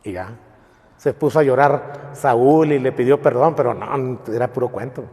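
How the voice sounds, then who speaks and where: A man's voice: mid-range voice, normal speed, darkish tone. A priest retelling Bible stories in a colloquial, storytelling way, often checking in with his listeners. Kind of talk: informal Bible teaching. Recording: long reverb of a large hall.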